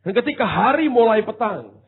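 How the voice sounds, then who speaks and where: A man preaching a sermon, swinging from hushed asides to loud exclamations, with casual slang jokes. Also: very high voice, sing-song, moderate pace, husky. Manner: drops into casual Javanese-flavoured slang for humour. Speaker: pastor. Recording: tinny phone-like sound.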